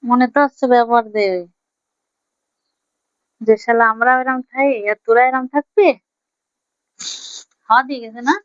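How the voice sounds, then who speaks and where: A woman's voice: fairly high pitch, fairly even intonation, normal speed, pauses often, clear, resonant tone, no echo, highs cut off. A woman chatting casually with her husband, teasing and playfully scolding him. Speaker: vlogger.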